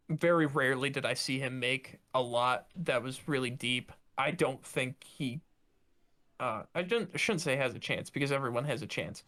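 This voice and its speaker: A man's voice: medium pitch, a bit bright. A young man co-hosting a podcast, chatting casually about football with many fillers and restarts. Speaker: podcast co-host. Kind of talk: casual sports chat.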